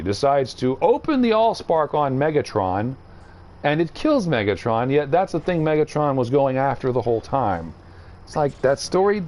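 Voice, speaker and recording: A man rambles casually while streaming, his pitch swinging widely as he gets worked up. His voice sits at a middle pitch. Faint ambient noise stays in the background. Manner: rambling, animated, mocking put-on voices. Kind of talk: casual chat while gaming.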